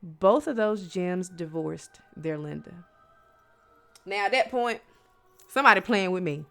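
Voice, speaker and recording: Over background music, this American storyteller spins spooky bedtime tales at a measured pace, her fairly low voice gravelly yet fairly bright. She talks to her audience as friends, adding casual asides, rhetorical questions and dramatic stress.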